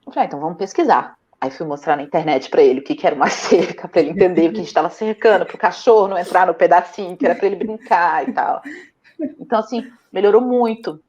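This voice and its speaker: A young Brazilian mother talks a little fast in a fairly low voice, with a Brazilian Portuguese accent and audio missing its highs. Her casual interview is full of animated storytelling and frequent laughter.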